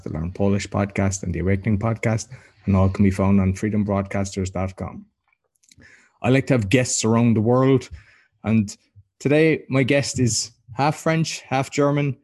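A man hosting a podcast, asking casual, halting questions. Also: on the low side, steady tone, a little mellow. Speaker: podcast host. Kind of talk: podcast interview.

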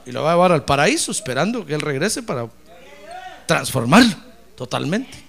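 Gravelly, lively-voiced male preacher. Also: a little high, normal speed. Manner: impassioned preaching, repeatedly addressing listeners as brother. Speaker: pastor. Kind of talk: sermon.

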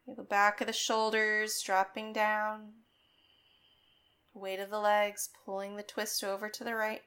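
A woman leading a guided yoga class as the instructor, cueing in a calm, meditative, unhurried manner. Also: mid-range voice.

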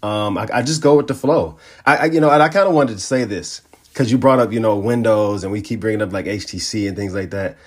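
A man's voice: on the low side, fast, hardly any pauses. A man co-hosting a tech podcast, chatting casually and telling stories with slang. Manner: laid-back, animated storytelling with slang. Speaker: podcast co-host. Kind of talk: casual chat.

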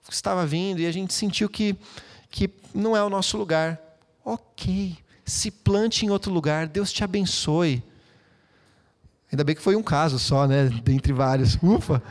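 A man preaches in a high, bright-sounding voice, talking to his congregation in a lively, chatty way full of playful asides. His words ring out with the long reverb of a church hall. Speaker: pastor. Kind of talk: sermon.

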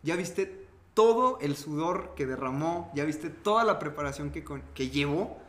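A man's voice: a little high, lively intonation, a little slow, a bit bright, echoey room. A man with a Mexican accent co-hosting a casual podcast, talking animatedly and acting out other people's reactions. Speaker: podcast co-host.

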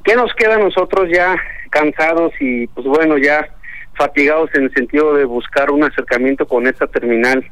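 A man's voice: on the high side, moderate pace, a bit bright, dry recording. A man calling in to a radio talk show over a telephone line, airing an earnest, aggrieved complaint with many hesitant fillers. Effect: heard over a telephone line as a radio caller. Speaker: phone-in caller, transport union leader.

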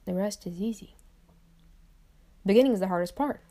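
At a moderate pace and medium pitch, a young adult woman vlogger speaks warmly to camera. It's a reflective motivational monologue where she repeats phrases and adds conversational asides.

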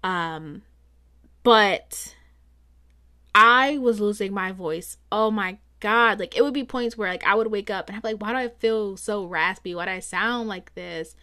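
A female podcast host rambles on alone in a casual, reflective, chatty monologue sprinkled with fillers. Her mid-range voice keeps a measured pace and sounds pushed and bright, a little strained from extended talking.

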